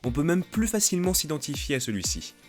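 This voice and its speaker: A man's voice: a little high, sing-song, fast, soft background music. A man giving a comedic educational voice-over, with mocking asides. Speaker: voice-over narrator.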